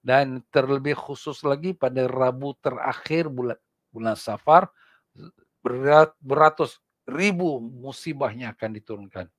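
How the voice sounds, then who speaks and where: A man with a Singaporean Malay accent giving a religious lecture in a mosque, swinging from loud emphatic points to hushed prayers. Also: mid-range voice, measured pace, no echo. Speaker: religious teacher.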